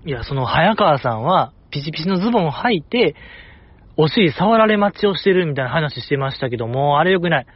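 A man's voice: fairly high pitch, very animated, brisk, breathy edge, no room sound, dull audio. A man with a Kansai accent hosting a podcast alone, chatting casually and repeating himself for emphasis. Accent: Kansai Japanese. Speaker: podcast host. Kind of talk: solo casual chat.

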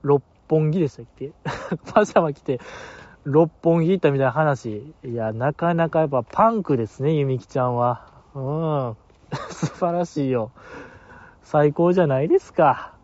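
A man's voice: a little high, normal speed, darkish tone. Chuckling Kansai man, rambling host. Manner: rambling, chuckling, many fillers. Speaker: radio host reading listener mail. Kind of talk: casual solo talk show. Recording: dull lo-fi dry recording.

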